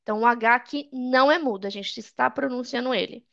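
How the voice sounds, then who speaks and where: A woman from Brazil teaching a basic English lesson in Portuguese, saying English examples slowly and checking in with the class often. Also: a little high, creaky, a bit bright, lo-fi sound. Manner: slow drilled English examples, frequent "tá?" checks.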